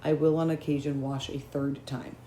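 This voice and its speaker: A woman's voice: sits low, little pitch movement, moderate pace, warm tone. A woman hairdresser with a slight lisp, chatting to viewers through a hair care tutorial at her salon's shampoo bowl. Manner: chatty, addresses viewers as you guys. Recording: roomy echo, faint background noise.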